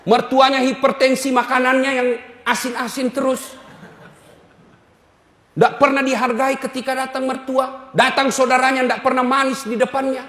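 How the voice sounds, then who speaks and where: A man's voice: extremely high pitch, fairly bright tone. A male Islamic preacher giving a humorous sermon, teasing and calling out to his audience. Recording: echoey hall reverb.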